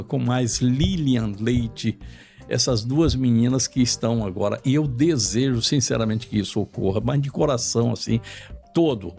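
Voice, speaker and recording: A man from Bahia, Brazil hosts a talk show, chatting casually in a jokey, rambling manner. His medium-pitched voice is gravelly and a little mellow.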